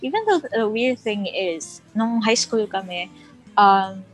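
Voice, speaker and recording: A young woman co-hosting a podcast, reminiscing about childhood in relaxed chat, laughing often and mixing English into her Tagalog. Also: mid-range voice, slow pace, faint music behind, poor audio. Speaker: podcast co-host. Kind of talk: casual chat.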